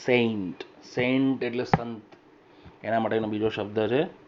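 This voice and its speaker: A male teacher giving an English vocabulary lesson, reading each example sentence slowly and louder, then explaining it and checking that students follow. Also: on the low side, steady tone. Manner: keeps checking understanding with short questions. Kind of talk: recorded classroom lesson. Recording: dull lo-fi voice recorder with faint hiss.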